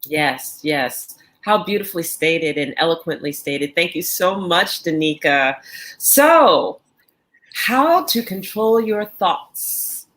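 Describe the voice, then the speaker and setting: A woman's voice: lowish voice, animated, takes it slowly, a bit bright. Woman host explaining with analogies. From New York. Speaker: life coach and host. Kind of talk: casual podcast chat.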